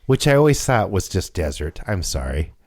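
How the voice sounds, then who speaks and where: A very deep male voice that swings widely in pitch as he jokes and rambles, playing dumb for laughs. The sound is close and dry, with no room to it. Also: sing-song, normal speed, a little mellow, slightly rough, no room sound. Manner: jokey, playfully confused, rambling. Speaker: podcast co-host. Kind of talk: casual podcast chat.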